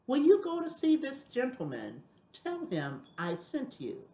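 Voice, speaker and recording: An older woman voicing a dignified, encouraging gentleman doctor in a storybook, courteous and measured. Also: high voice, huge pitch swings, reverberant, voice pushed up, full character voice, low-quality recording. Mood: kindly, encouraging.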